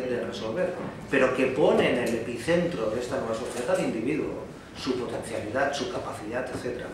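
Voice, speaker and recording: Man, conference speaker, emphatic, repeats phrases for effect, distant mic, big echo, background noise. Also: medium pitch. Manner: emphatic, rhetorical repetition. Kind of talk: public talk. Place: university lecture hall. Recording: echoey hall from far off, noisy.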